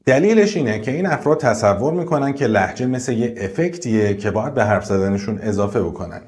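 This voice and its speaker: A man hosting an English lesson, explaining pronunciation clearly and methodically. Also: mid-range voice, lively intonation, darkish tone, faint music behind. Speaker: English teacher and video host.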